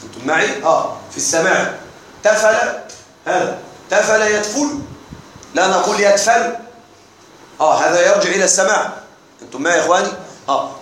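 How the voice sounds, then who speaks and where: A man's voice: sits high, fairly bright tone, slight background noise. A man teaching a classroom grammar lesson. He asks the class questions and answers them himself. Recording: echoey room recorded from a distance.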